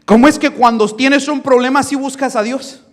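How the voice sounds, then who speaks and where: High-voiced preaching man, animated. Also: normal speed. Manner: animated and joking, swings from soft asides to shouted preaching. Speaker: pastor. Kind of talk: sermon. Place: church. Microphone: handheld microphone.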